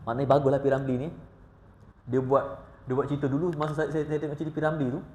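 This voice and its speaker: Animated Malaysian preacher in an echoey hall. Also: male voice, a little high, very fast, a little hiss or hum. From Malaysia, grew up in Johor. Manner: animated and humorous, swinging between hushed asides and loud emphatic lines. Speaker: religious teacher. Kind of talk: evening mosque lecture on scripture. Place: mosque prayer hall. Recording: roomy echo from a prayer hall.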